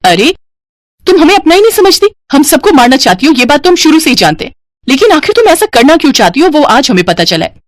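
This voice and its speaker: A woman voicing a spoiled, scheming young sister-in-law in an animated storybook, with a shrill, sneering, bossy manner. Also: fairly quick, no echo, close to an everyday voice.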